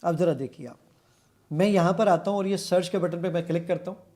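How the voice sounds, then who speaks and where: A man with a Pakistani Urdu accent demonstrating a software app step by step as a guest in a television studio. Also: high-pitched, fairly even intonation. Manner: eager, explanatory, walking through features step by step. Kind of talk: product demonstration on a TV show.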